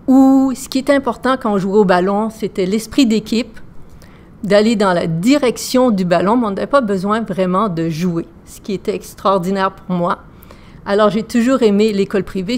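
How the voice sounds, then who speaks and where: A woman teacher with a Québécois accent, telling self-deprecating, humorous anecdotes in a casual podcast. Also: mid-range voice.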